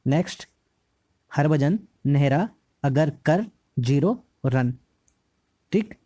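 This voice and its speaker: A male teacher with a slightly hoarse throat, giving a lesson on memory tricks. He repeats each mnemonic slowly and keeps checking in with the class. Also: on the high side, warm tone, no room sound. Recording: dry, slightly dull lo-fi recording.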